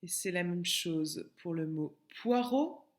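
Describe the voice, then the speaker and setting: A woman's voice: fairly low pitch, animated, slow, reverberant. A woman with a French accent teaching young children in a recorded remote lesson, patiently repeating words and splitting them into syllables. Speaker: kindergarten teacher.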